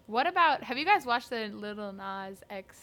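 Bright, chatty young woman co-host. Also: a little high, normal speed. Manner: chatty, animated, frequent "like" fillers. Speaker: podcast co-host. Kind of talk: casual chat.

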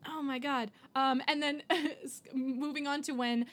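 A woman's voice: sits high, steady tone, unhurried, fairly bright tone. A woman co-hosting a casual podcast chat, enthusiastic and laughing often as she recalls favorite scenes. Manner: enthusiastic, laughs often, quotes film lines. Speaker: podcast co-host. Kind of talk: casual chat about a film.

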